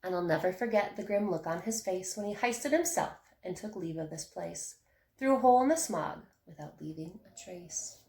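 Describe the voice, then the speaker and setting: Teacher lady reading a rhyming kids book, expressive, a bit gravelly, echoey room. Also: lowish voice, moderate pace. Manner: expressive, rhythmic storytelling. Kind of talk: reading a picture book aloud.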